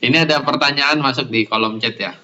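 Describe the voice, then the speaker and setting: A man's voice: medium pitch, fast, sharp tone. A man moderating a question-and-answer session, briefly and politely reading out a question from the chat. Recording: dull, distant mic with faint noise.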